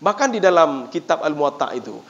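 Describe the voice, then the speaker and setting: Acehnese male preacher, animated storyteller, high expressive voice, muffled lo-fi recording. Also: fast talker. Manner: lively, animated storytelling, often addressing listeners as "Pak". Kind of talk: sermon. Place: prayer room. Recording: dull lo-fi sound.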